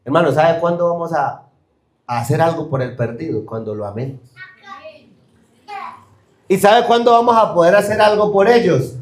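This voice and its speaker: A man's voice: a little high, expressive, normal speed, long pauses. A man preaching a sermon as a pastor, emphatic, questioning the congregation and acting out the excuses of others. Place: church hall. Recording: echoey church hall.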